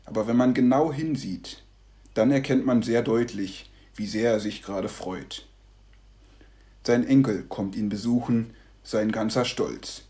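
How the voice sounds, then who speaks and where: A man narrating a devotional story in a calm, measured way. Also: on the low side.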